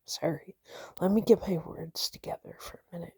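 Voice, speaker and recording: Shaky nervous woman whispering close to the mic, super breathy, dry sound, kinda low voice. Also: mellow, no echo. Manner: whispering, halting, many fillers and restarts. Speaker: vlogger. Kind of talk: personal confessional vlog.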